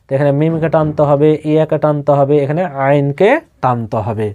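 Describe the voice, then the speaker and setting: A man teaching Quran reading who spells out syllables and then recites each word slowly, repeating it. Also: on the high side, phone-quality sound.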